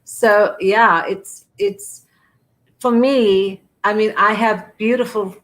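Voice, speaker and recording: Woman perfumer, casual event chat, gushing and repetitive, mid-pitch. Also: slow pace, a bit bright, poor audio. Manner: effusive, piles on words like beautiful and gorgeous; frequent restarts and repetitions. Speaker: perfumer and fragrance brand founder.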